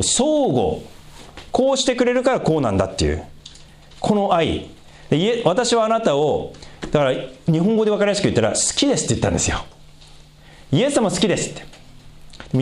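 A man giving a conversational sermon as a pastor, asking the congregation questions and swinging his pitch for emphasis.

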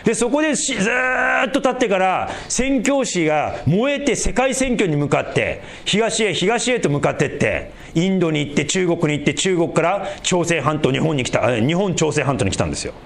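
A male pastor giving an emphatic, animated sermon. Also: sits high, normal speed, creaky, hardly any pauses.

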